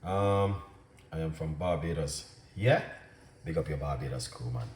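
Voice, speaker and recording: With a very deep, slightly mellow voice and lively intonation, a man hosts a casual cooking live stream at normal speed. He chats cheerfully with his audience, calling out viewers by name and place. Background noise and echo come through a distant mic.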